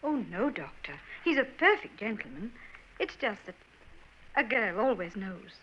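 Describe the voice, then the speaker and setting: The actress here has a mid-range, somewhat bright voice with lively intonation and a slightly slow pace, and there's slight background noise. She plays a worried, earnest young Victorian woman who talks hesitantly and genteelly, in 1940s radio acting over a dull old broadcast.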